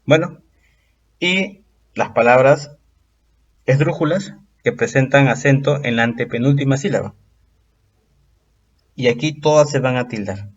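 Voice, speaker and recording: A man teaching a recorded exam-prep lesson, patiently explaining step by step and drawing out example words slowly. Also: medium pitch, lo-fi sound.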